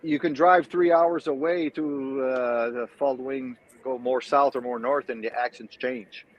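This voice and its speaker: Speaking at a slightly slow pace, this Acadian French-accented man from New Brunswick, Canada, has a mid-range voice and fairly even intonation. He's a hesitant guest on a casual tablet video call, restarting often and leaning on fillers. The recording is lo-fi and a bit dull.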